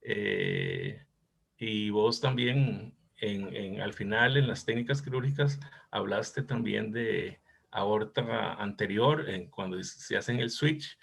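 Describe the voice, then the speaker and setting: Man, 60s, cardiologist in a seminar: slow, husky, lower voice, hesitant and reflective. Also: big pitch swings. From Costa Rica. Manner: thoughtful, reminiscing, hesitant. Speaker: cardiologist discussing a case presentation. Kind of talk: academic case discussion.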